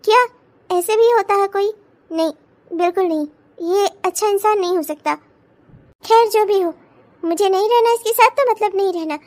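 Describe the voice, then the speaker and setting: A woman's voice: extremely high pitch, normal speed, a little mellow. A woman voicing a headstrong young bride in a cartoon, speaking bluntly and defiantly. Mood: puzzled. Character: headstrong young bride refusing her new marriage. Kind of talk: cartoon voice acting.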